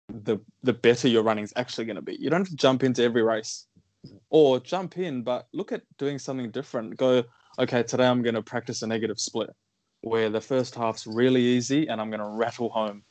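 A man's voice: mid-range voice, darkish tone, dry recording. A man giving his opinions on running in a casual podcast chat, rambling and using "like" a lot. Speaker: runner guest.

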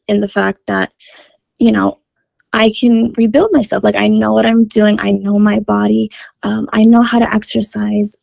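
A woman's voice: medium pitch, gravelly, darkish tone, no echo. A woman guest on a wellness podcast, talking upbeat and enthusiastic about fitness in a conversational interview. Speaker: guest, fitness content creator.

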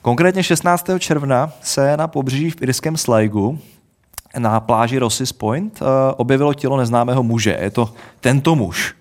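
A man co-hosting a casual podcast, explaining a mystery case in a wry, deadpan way. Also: mid-range voice. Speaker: podcast co-host. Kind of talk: casual chat, storytelling.

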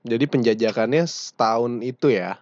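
A woman's voice: rumbling low, moderate pace, darkish tone, no room sound. A woman host, prompting her guest with short questions. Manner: brief, prompting interjections. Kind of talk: casual interview. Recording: dry, muffled sound.

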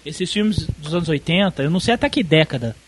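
A man's voice: on the high side, expressive, fairly quick, slightly rough. A man with a Brazilian Portuguese accent hosting a podcast, joking and teasing crudely while commenting on an old film. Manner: joking, teasing, laughing often. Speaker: podcast host.

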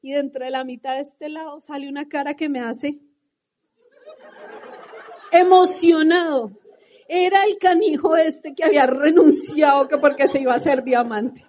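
A woman with a Colombian accent giving a passionate, animated motivational talk to a live audience at a business seminar. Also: high-pitched, moderate pace.

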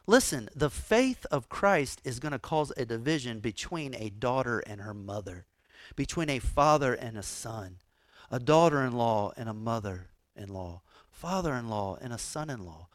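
A male pastor preaching a sermon, telling stories with animated, acted-out quotes. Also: mid-range voice, moderate pace, no room sound, clean studio sound. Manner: animated storytelling, acts out quoted voices.

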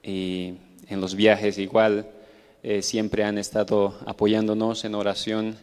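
Slow, monotone man in a hall. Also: fairly low pitch, clear, resonant tone. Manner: hesitant, pausing often. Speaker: church missionary giving testimony. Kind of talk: church testimony and thanks. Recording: echoey hall with long reverb.

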